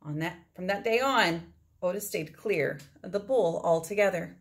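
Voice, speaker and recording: A woman in her forties, speaking in a lowish voice at normal speed, reads a picture book to children. She stretches words for effect and makes asides to her audience, all in a small room at home.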